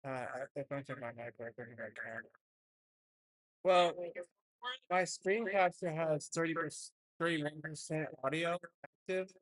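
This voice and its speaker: Fairly high-pitched and fairly bright, a young man's unhurried voice drifts through hesitant, filler-heavy chat as he prepares a stream at home on a desktop mic. The audio has no echo but is poor quality.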